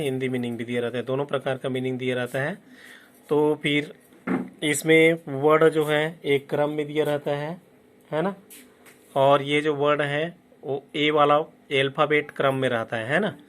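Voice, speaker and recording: A man teaching a lesson on reading a dictionary in his English words. He checks in with "है ना" after each point and slows down to spell out English terms. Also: mid-range voice, a bit bright. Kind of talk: classroom lesson explaining a dictionary.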